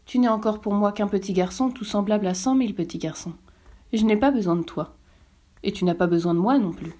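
A woman voicing a wise, gentle fox in a storybook reading, calm and measured as it explains. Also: medium pitch, lightly acted. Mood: explaining.

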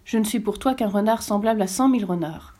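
A woman voicing a wise, gentle fox in a storybook reading, calm and measured as it explains. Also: medium pitch, natural voice. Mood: explaining.

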